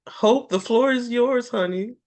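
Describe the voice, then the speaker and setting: A woman's voice: a little high, slow, a little mellow. A young adult woman hosting a panel discussion, friendly, with frequent um fillers. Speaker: panel host.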